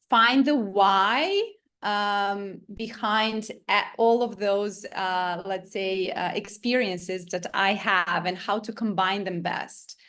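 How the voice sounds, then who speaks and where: This is a woman in her thirties from Serbia, a guest coach and trainer, answering interview questions. Her mid-range voice is a bit bright, and she sounds hesitant, with frequent pauses and many ums and other fillers.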